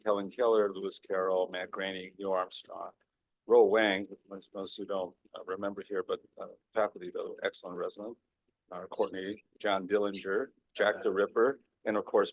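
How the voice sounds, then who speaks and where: A man presenting research as a urology professor at a conference talk to a live audience, steady and filling pauses with "uh". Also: low voice, creaky, no echo. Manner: steady, lots of "uh" fillers. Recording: dull lo-fi sound.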